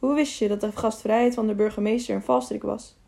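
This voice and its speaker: Earnest young squire, urgent, woman reading him, gravelly warm tone. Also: on the high side, fairly even intonation, brisk.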